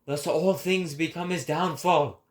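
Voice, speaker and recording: A man's voice: fairly high pitch, unhurried, natural voice. A man voicing an impassioned, solemn prophet in a dramatic reading, with declamatory and emphatic phrasing. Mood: exalted, solemn. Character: impassioned male prophet Zarathustra, solemn and exalted. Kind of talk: dramatic reading of philosophical prose.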